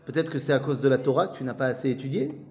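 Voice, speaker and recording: A teacher giving a casual study lesson reads old texts aloud in Aramaic and then retells them in chatty, joking French. His mid-range voice is expressive, very fast and darkish in tone, with a big-room sound.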